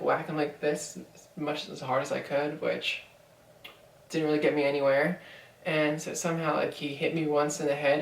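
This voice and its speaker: A woman's voice: deep voice, recorded from a distance, slight background noise. A young woman in her twenties telling a story in a casual vlog, rambling with lots of fillers. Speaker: vlogger. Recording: echoey room, voice from off mic.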